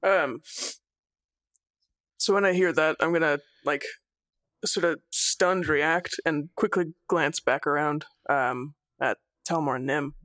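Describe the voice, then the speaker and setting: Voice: medium pitch, fairly even intonation, slow pace, fairly bright tone, no echo, clean studio sound. A player in a tabletop role-playing game, talking hesitantly with many fillers. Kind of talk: casual tabletop role-play.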